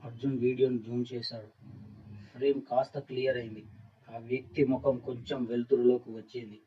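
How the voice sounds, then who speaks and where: Male narrator for a horror story, flat even reading, husky tone, heard from a distance. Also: medium pitch, a little fast. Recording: dull, distant-sounding recording.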